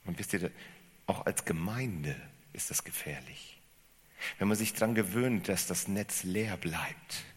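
A man preaching a sermon as pastor, speaking with animated emphasis and putting questions to his congregation. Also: deep voice, slow, slightly rough. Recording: reverberant hall.

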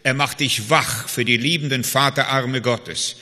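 Male preacher, emphatic sermon delivery, bright tone, reverberant hall. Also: medium pitch, fairly even intonation, measured pace. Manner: emphatic preaching with swings between loud calls and quiet confession.

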